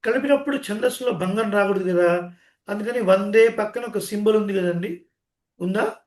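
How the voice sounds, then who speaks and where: A man teaching Sanskrit verses in an online call, chanting each line slowly and correcting how it is pronounced. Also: sits high, reverberant. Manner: slow, drawn-out chanting, correcting pronunciation. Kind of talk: chanting lesson with call and response. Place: online meeting.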